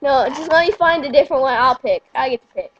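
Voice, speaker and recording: High, husky female voice, casual. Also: lively intonation, fast, dull audio. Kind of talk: casual chat, calling out jelly bean flavour choices.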